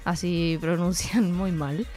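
A young woman with a Chilean accent, telling travel stories in a lively, slangy casual chat. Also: lowish voice, slow pace, soft background music. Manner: animated, storytelling with slangy asides.

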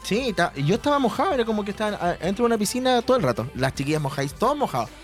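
A man's voice: sits high, very animated, very fast, faint music behind. A young man with a Chilean accent, co-hosting a radio chat and telling a story animatedly, acting out the voices. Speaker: radio show co-host. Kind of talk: casual chat.

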